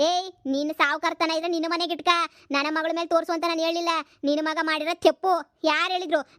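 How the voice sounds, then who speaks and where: A woman voicing a loud, combative village mother in a cartoon comedy, scolding rapidly. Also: very high-pitched, no echo, studio quality. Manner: shouting accusations, rapid scolding.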